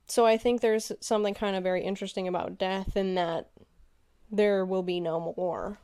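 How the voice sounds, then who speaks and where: A woman co-hosting a podcast in casual chat, musing reflectively with many pauses and filler sounds. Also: medium pitch, steady tone, darkish tone, smooth. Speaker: podcast co-host.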